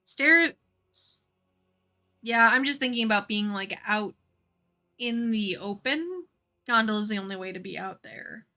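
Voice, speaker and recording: A woman's voice: medium pitch, normal speed, pushed and bright. A woman playing a tabletop game, chatting casually and making wry, dry quips. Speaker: player.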